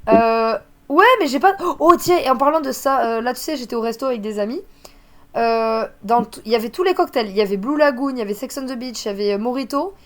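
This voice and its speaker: A woman chatting casually with a friend, animated and laughing often. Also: on the high side, quick pace, slight background noise. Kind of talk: casual chat.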